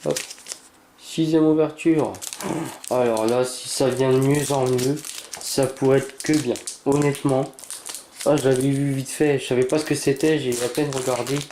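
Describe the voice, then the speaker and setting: At a normal speed, a YouTuber casually comments as he opens trading cards, reading names aloud, stumbling over words, and breaking into excited cries. He keeps his voice down and avoids shouting since it's night, with a little hiss or hum in the background.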